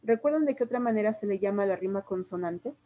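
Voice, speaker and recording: A woman's voice: mid-range voice, animated, fast, warm tone, lo-fi sound. A woman with a Mexican Spanish accent, a literature teacher patiently explaining poetry to a class step by step with examples. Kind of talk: classroom lesson.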